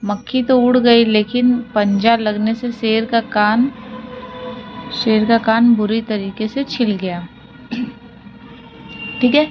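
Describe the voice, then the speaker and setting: A woman teacher reads a story passage aloud and then walks young pupils back through it in plain words, asking her own questions and answering them. The recording is dull and lo-fi, with a steady hiss behind her voice. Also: a little high. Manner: mixes English words into Hindi. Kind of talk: explaining a textbook story. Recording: dull lo-fi audio with clear hiss.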